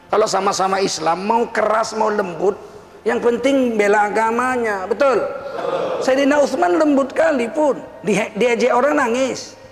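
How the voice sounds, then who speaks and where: A man, preaching in a humorous, emphatic way, often leaping up in pitch. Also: moderate pace, gravelly, music in the background. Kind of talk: religious lecture. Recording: echoey hall, long reverb, faint noise.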